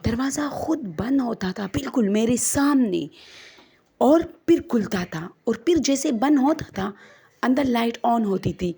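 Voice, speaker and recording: A woman's voice: on the high side, animated, creaky, dark tone, breathy edge. A woman, chattily retelling a first-person ghost story to her listeners as friends and acting out the quoted dialogue.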